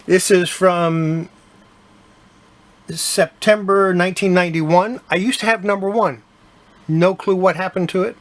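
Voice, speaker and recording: An older man hosting his own collecting channel, casually showing items from his collection with a relaxed, chatty manner. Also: high-pitched, unhurried, long pauses. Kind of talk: casual collection show-and-tell.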